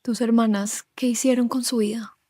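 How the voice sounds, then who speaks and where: A woman interviewing a guest, asking short gentle follow-up questions. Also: on the high side, fairly even intonation, normal speed, dry recording, clean studio sound.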